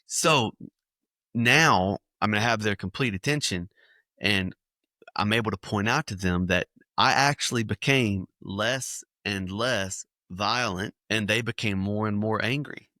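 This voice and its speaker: A man, a children's ministry speaker, telling lively illustrative stories in a podcast interview. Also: fairly low pitch, a little slow, dry recording, studio quality. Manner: animated storyteller acting out scenes.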